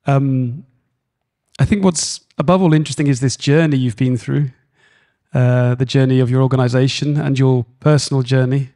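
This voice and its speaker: A man chairs a conference panel and introduces the next speaker. His delivery is flat and measured, with a few hesitations. His tone is mellow, and he speaks on a handheld microphone in a conference room. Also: medium pitch.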